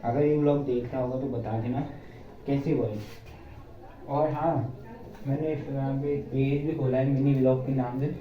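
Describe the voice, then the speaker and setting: A man's voice: medium pitch, fairly even intonation, normal speed, pauses often. A young man from India vlogging casually while cleaning his village home, joking and rambling to viewers, a bit out of breath, recorded on a phone with no mic. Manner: chatty, jokey, rambling, addresses viewers as brothers. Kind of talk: casual vlog chat. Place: village house, cleaning rooms. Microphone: phone camera, no external mic. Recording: dull lo-fi phone audio in an echoey room.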